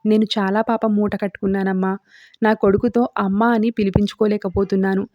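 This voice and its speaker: A woman's voice: mid-range voice, flat delivery, fairly quick, dry recording, natural voice. A woman voicing an anxious young mother who hides a secret son, read plainly in a serial recap. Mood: distraught. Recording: dull dry lo-fi recording.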